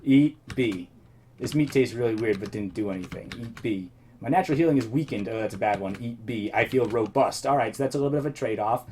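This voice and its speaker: A man's voice: lowish voice, fairly quick, darkish tone, slight background noise. A man casually commenting on his own gameplay as host, thinking aloud and rambling, his voice a little worn. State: slightly losing his voice. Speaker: let's play host.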